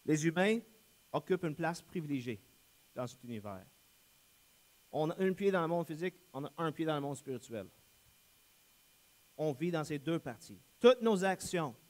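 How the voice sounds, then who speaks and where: High-voiced preacher. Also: male voice, lively intonation, normal speed, pauses often, a little mellow. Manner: earnest, emphatic preaching with repeated refrains and a few self-corrections. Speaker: guest pastor. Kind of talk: sermon.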